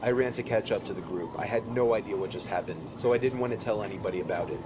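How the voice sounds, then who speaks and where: A man reading a scripted horror story in an even, measured way. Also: on the low side. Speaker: narrator. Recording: loud background noise. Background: loud noise.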